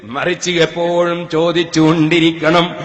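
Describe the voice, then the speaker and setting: A man with a high, light voice delivers a sermon, his phrases rising and falling in a chanted, melodic way. He presses his listeners with rhetorical questions. The sound rings out with a long hall reverb. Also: monotone, a little slow, muffled recording. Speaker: preacher. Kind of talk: sermon on a Quran chapter.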